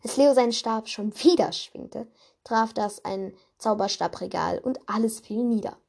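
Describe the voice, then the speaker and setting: A woman's voice: a little high, measured pace, creaky, a little mellow. A woman casually reading her own fan fiction aloud, with chatty asides and many fillers.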